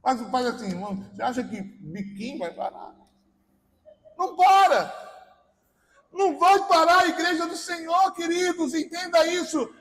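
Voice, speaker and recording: A Brazilian man preaching a sermon in a church, fervently shouting and leading the congregation in repeated declarations. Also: very high voice, normal speed, few pauses, rough recording. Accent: Brazilian Portuguese. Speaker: pastor. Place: large church sanctuary.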